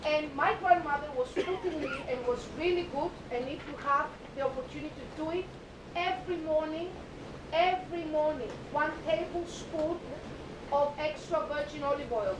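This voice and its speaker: A woman with a Greek accent gives a live cooking demonstration to an audience, playful and emphatic, repeating words and asking questions. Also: moderate pace. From Greece. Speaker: cooking demonstrator on a cruise ship. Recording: echoey room, distant mic, noisy rumble.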